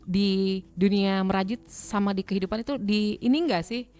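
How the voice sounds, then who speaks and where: A woman's voice: medium pitch, normal speed, a little mellow, faint music behind. A young woman hosting a casual radio talk show interview, chatty, often tagging her questions and murmuring agreement. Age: young adult. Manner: chatty, frequent tag questions and affirming murmurs. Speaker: radio host.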